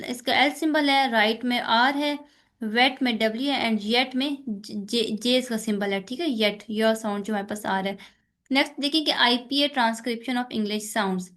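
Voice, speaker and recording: A woman's voice: on the high side, fairly bright tone. A woman with a Pakistani accent giving an exam-focused lecture, mixing English terms into her speech with frequent fillers. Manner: mixes English terms into Urdu, many fillers. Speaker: teacher.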